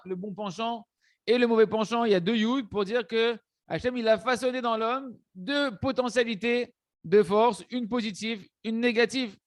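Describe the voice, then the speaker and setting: In a religious lesson, a rather high-voiced Torah teacher explains a text with hesitant restarts and mixed-in words. He checks in with his listeners through repeated "hein" and "d'accord," captured in a close, dry recording without echo.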